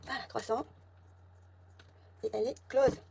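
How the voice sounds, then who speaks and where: A woman with a southern French accent, counting through her budget envelopes at home and muttering figures under her breath as she thinks aloud. Her voice sits a little high. Steady background noise and small clicks run behind her. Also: measured pace, gravelly. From south of France. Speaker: budget vlogger. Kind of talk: casual talk while counting budget envelopes.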